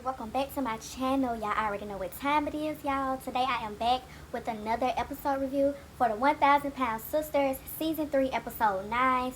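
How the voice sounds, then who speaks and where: A woman's voice: sits high, fairly bright tone, slight background noise. A woman hosting a reality-TV recap vlog, brash, profane and opinionated in casual commentary. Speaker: YouTube reality-TV recap host.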